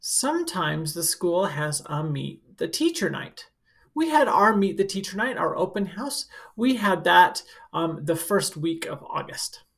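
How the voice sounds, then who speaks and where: A school counselor reads a picture book to children, breaking in with casual, simple explanations meant to teach young listeners. Her voice is lowish and a little bright, with vocal fry, and she sounds very animated while keeping a measured pace.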